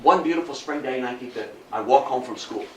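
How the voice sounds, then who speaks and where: Quick and a bit bright in a mid-range voice, an older local history lecturer from Athens, New York, in the United States, tells emphatic stories to a small group indoors. He repeats phrases and asks rhetorical questions, and the distant mic picks up echo and faint noise.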